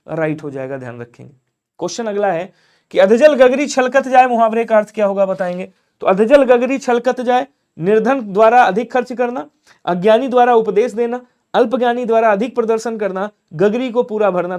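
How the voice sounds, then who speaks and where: Male Hindi tutor, fairly high voice, steady explaining tone that poses a question and then answers it, exam-prep video lesson. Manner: explains answers step by step, asks and answers his own questions.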